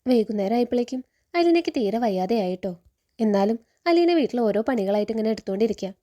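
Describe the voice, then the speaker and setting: A woman's voice: fairly high pitch, animated, fast talker, warm tone. A woman with a Kerala Malayalam accent, retelling a TV serial episode in a chatty storytelling way, tagging friendly particles onto her sentences. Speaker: serial story recap narrator.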